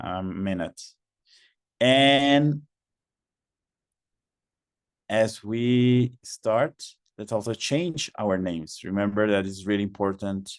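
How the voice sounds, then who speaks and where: Man, webinar host, unhurried, lowish voice, patient, repeats himself, video call. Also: clear, resonant tone, no echo, clean studio sound. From Mexico. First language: Spanish. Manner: patient, repeats instructions, many fillers. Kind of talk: online webinar moderation.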